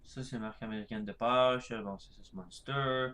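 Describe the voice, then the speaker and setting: A man's voice: mid-range voice, steady tone, normal speed, a bit bright. Rambling gamer guy. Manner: rambling, many fillers, crude swearing. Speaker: gaming youtuber. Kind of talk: casual gameplay commentary.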